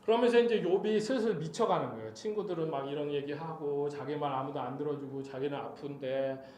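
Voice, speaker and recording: A man giving a guest sermon as a missionary, telling the story in a lively way and acting out the voices in it. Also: fairly high pitch, fairly quick, roomy sound, a little hiss or hum. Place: church.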